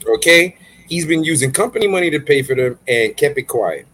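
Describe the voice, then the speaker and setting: A man's voice: on the high side, lively intonation, brisk, fairly bright tone, husky. A man from Brooklyn hosting a casual podcast, talking in a hyped, swearing, teasing way. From Brooklyn, New York. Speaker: podcast host. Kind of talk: casual wrestling podcast banter.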